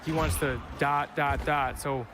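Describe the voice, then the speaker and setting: Casting: male game commentator, Wisconsin accent, higher-than-average pitch, bantering and slangy, faint noise behind. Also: fairly even intonation, measured pace. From Wisconsin, United States. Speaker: esports commentator. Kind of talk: casual live video game football commentary.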